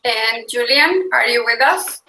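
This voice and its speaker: Woman host, high bright voice, upbeat chat, echoey video call. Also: lively intonation, slight background noise. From Romania. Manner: upbeat, quick to laugh, steering the chat. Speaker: livestream host.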